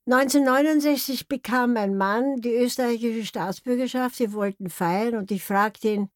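A woman's voice: on the high side, moderate pace, no echo, clean studio sound. An older woman telling personal memories in a wry, anecdotal way. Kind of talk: memoir storytelling.

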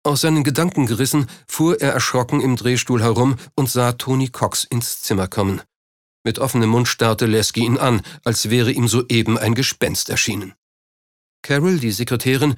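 A man reading a novel as audiobook narrator in a steady, measured way. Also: mid-range voice, no room sound, studio quality.

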